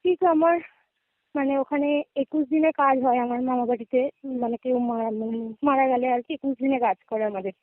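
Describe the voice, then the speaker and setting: A young adult woman from West Bengal, India, with a Bengali accent, calls in as a guest and casually tells a personal story, frequently checking in with her listener. Her voice is high and brisk, with no room sound, coming through a remote call as dry, narrow, tinny phone audio.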